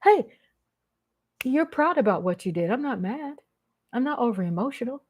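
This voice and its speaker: A woman's voice: on the high side, animated, normal speed, darkish tone, husky. A woman hosting her own live-stream vlog, speaking off the cuff in a blunt, emphatic way with casual swearing. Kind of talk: unscripted live commentary.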